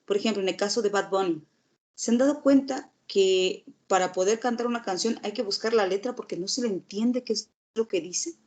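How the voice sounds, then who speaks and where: A woman's voice: mid-range voice, brisk, a little mellow. A woman teacher giving a recorded lecture, explaining steadily and asking the class rhetorical questions.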